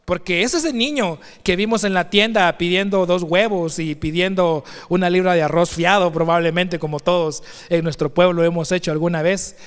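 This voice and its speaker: A man preaching a sermon to his congregation in earnest, speaking to them directly and pushing his voice upward for emphasis. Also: sits high. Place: church sanctuary. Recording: long hall reverb of a church.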